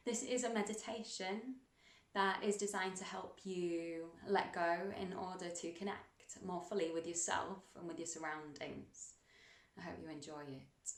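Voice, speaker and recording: A woman with a medium-pitched voice guides a meditation gently and soothingly, never rushing. She leaves long pauses between instructions, and the sound is roomy and echoing.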